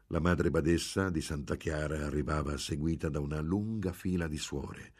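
A man's voice: darkish tone, breathy edge. A man reading a story aloud, giving each character a voice. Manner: voices each character with raised pitch and force. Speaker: narrator. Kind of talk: dramatic audiobook reading.

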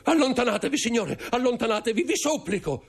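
A man's voice: on the low side, expressive, moderate pace, darkish tone, slightly rough, soft background music, pitched above the performer's own voice. A man voicing a terrified Corsican steward who pleads in frantic outbursts. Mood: panicked. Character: terrified middle-aged male Corsican steward. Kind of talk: audiobook character voice.

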